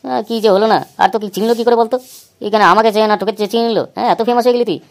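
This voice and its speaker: Woman voicing rapid bossy cartoon boy Futo. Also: on the high side, fairly even intonation, lightly acted. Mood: scornful. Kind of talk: cartoon comedy voice acting.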